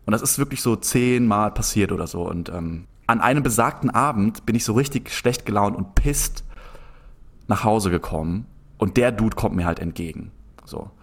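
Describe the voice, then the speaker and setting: A young man telling a long story in a casual conversation, rambling and animated, often restarting his sentences. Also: on the low side, normal speed, husky. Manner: rambling, animated anecdote with frequent restarts and filler "so".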